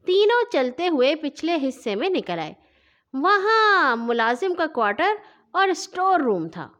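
A woman narrating a children's story in an expressive, sing-song manner. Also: high voice.

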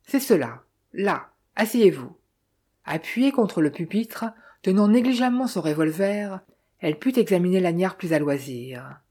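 Calm woman narrating an audiobook. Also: fairly low pitch. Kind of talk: scripted narration.

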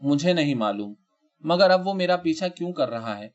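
A man's voice: a little high, expressive, muffled recording, natural voice. A man reading as a frightened, trembling woman. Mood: fearful. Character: frightened trembling woman, tearful, middle-aged.

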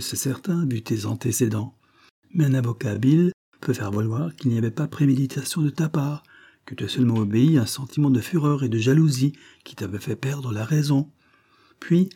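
A man's voice: medium pitch, mellow, slightly rough, voice pushed up. A man voicing a worldly, ironic male police agent who talks in a blunt, mocking, sententious way. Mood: persuasive.

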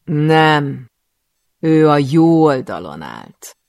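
A cruel, scheming cult master from an audiobook thriller, put on by a male reader. He speaks slowly and with quiet menace, sometimes sinking to a whisper, in a heavily gravelly voice recorded close and dry. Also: a little high, no room sound. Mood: sneering.

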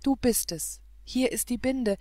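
A woman reads a sweet young girl with a fluting voice from a fairy-tale audiobook. She speaks tenderly, almost pleading. The delivery is slow, with a dry, close sound. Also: mid-range voice, darkish tone, no room sound.

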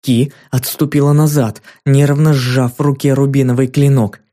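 A man narrating a children's fantasy audiobook in a measured, dramatic storytelling manner. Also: medium pitch, level tone, warm tone. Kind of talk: scripted narration.

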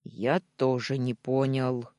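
A man's voice: medium pitch, big pitch swings, unhurried, no room sound, clean studio sound. A reader voicing a jealous, protective young man who growls short, curt questions. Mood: gruff, jealous.

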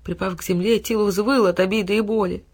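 A woman narrating a fairy-tale audiobook in an even, expressive storytelling voice. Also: mid-range voice, fairly quick, slightly rough.

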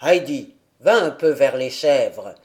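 Defiant, gruff old grandfather in a storybook reading; a narrator puts him on, loud and unbending. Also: mid-range voice, expressive, slow pace. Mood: stubborn. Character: stubborn old mountain grandfather. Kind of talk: audiobook character reading.

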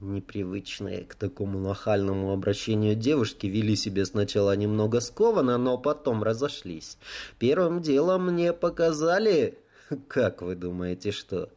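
A man's voice: fairly low pitch, expressive, normal speed, a little mellow. A man reading a first-person audiobook, with ironic asides to the listener. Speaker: audiobook narrator.

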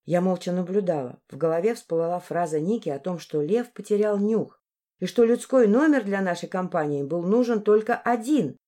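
Female audiobook narrator, mellow and even, first person. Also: on the low side, moderate pace. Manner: even, storytelling delivery.

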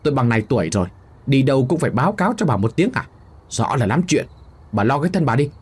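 A man's voice: mid-range voice, very animated, fast talker, husky. A man voicing a rude, hot-tempered grown son who snaps at his mother with contempt, in a storybook reading. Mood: irritated. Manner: snapping, contemptuous. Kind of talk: storybook narration with voiced characters.

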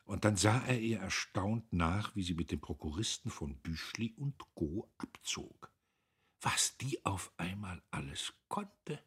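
Husky man reading an audiobook. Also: sits low, unhurried. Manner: expressive, dramatic reading. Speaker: audiobook narrator. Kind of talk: scripted audiobook narration.

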